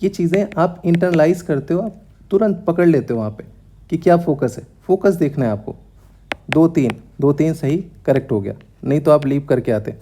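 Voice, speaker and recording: A man teaching exam strategy in a casual lesson, reading test statements aloud slowly and then explaining them quickly. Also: fairly high pitch, dark tone, slight background noise.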